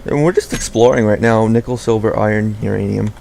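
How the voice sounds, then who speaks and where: A man's voice: lowish voice, fairly even intonation, fairly quick, creaky, dark tone, a little hiss or hum. A young man giving casual, rambling gameplay commentary, often correcting himself mid-sentence. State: out of breath.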